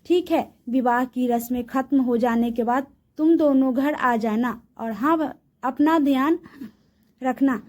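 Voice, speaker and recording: A protective young brother with a firm, reassuring way of talking, as a woman storyteller puts him on. The voice stays high and the delivery is slow and deliberate, with little attempt to deepen it for this storybook figure. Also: a little mellow. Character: stern young man, protective older brother.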